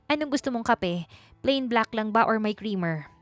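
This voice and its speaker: A woman's voice: fairly high pitch, animated, moderate pace, fairly bright tone, no room sound. A woman voicing a timid young provincial schoolteacher who stammers and keeps apologizing in a storybook reading. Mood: earnest.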